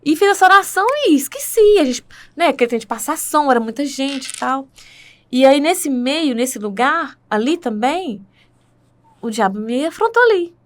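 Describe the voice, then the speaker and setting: A woman's voice: sits high, animated, normal speed. A woman with a Brazilian Portuguese accent telling her faith testimony in conversation, earnest and full of tag questions.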